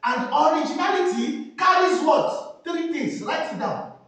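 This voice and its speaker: A man's voice: very high-pitched, a little slow, fairly bright tone. A man with a Nigerian English accent teaching a design class, speaking emphatically, repeating key words and quizzing his students. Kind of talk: classroom lecture. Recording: very echoey room, mic far off.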